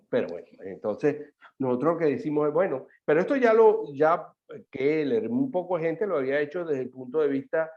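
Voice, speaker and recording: A man speaking at a mathematics seminar, explaining and answering questions in a halting way, with many fillers and restarts. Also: a little high, animated. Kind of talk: academic talk and answers. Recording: lo-fi video call audio.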